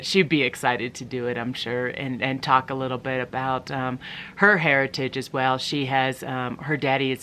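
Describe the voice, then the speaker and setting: A middle-aged American woman vlogger chats casually to camera, rambling with many ums and restarts. Her voice is very deep with a sharp tone, and there is slight background noise.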